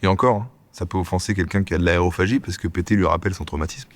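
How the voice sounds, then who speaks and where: A man acting out a bickering comedy sketch dialogue, trading quick lines between two characters. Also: deep voice.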